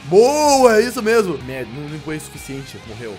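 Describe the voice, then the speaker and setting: A man from Brazil giving playful, excitable gameplay commentary, joking and shouting out bursts as he plays. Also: fairly high pitch, quick pace. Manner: playful, excitable, jokey with sudden exclamations. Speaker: gaming YouTuber. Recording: faint music behind.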